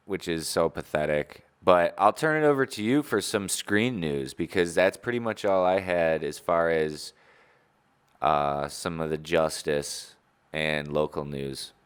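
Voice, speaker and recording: A man co-hosting a casual podcast chat, rambling and joking with loud outbursts. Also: low-pitched, unhurried, clear, resonant tone. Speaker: podcast co-host.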